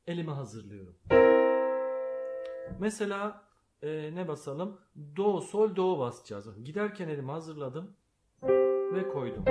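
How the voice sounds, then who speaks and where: Male piano teacher, slightly higher voice, patient note-by-note explanations, piano loud underneath. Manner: calls out note names while playing, explains patiently. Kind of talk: step-by-step piano lesson. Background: piano playing.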